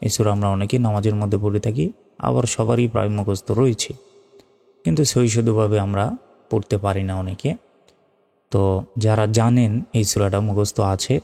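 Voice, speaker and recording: A man teaching Quran recitation, slowly spelling out each letter and its vowel mark. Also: fairly low pitch, gravelly, dark tone, in a large hall.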